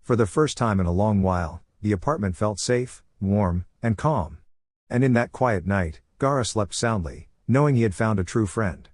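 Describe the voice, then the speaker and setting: A man narrating a fan fiction story in an even storytelling read, voicing every character himself. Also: on the low side, moderate pace, no echo, clean studio sound.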